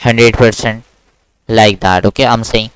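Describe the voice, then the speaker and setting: A male online Quran teacher with a smooth voice recorded dry and close on a video call. He speaks in an even, steady tone, patiently repeating sounds slowly so a young student can copy them. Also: on the low side, dry recording, poor audio. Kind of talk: one-on-one online lesson.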